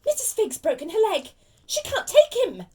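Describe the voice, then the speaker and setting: A woman voicing a sharp-tongued, fretful middle-aged aunt in a storybook, emphatic and shrill. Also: wildly swooping pitch, normal speed, recorded from a distance, heavily acted. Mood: angry, worried.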